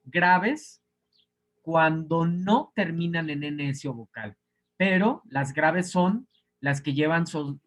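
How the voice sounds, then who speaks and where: A man's voice: a little high, fairly bright tone. A male teacher giving an online class lecture, explaining patiently step by step and sounding out example words syllable by syllable.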